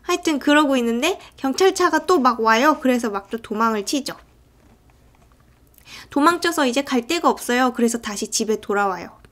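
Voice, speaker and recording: Chatty woman recapping a film. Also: a little high. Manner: chatty, breaks into acted character lines. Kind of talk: casual movie recap narration.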